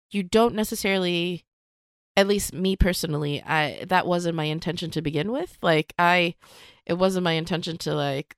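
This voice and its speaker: A Swedish comedian whose first language is Swedish talks thoughtfully as a guest in a casual podcast interview, with fillers and restarts. Her deep voice is smooth, and the recording is studio quality with no echo.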